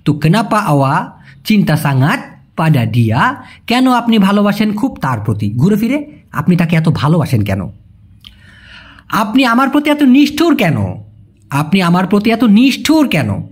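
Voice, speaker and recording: Lively, husky language teacher. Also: mid-range voice. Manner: colloquial, repeats example phrases slowly. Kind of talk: language lesson.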